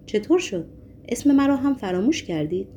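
A woman voicing a mysterious foreign gentleman with a foreign accent, who speaks calmly, politely and with quiet mockery. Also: on the high side, a little hiss or hum, lightly acted. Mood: calm, sly. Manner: calm, polite, quietly mocking. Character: mysterious foreign gentleman, calm, serious, sly.

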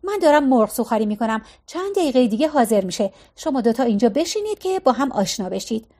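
A woman's voice: a little high, very animated, dark tone. A woman voicing an anxious mother who coaxes and hurries to keep the peace. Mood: coaxing. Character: anxious mother, eager to smooth things over.

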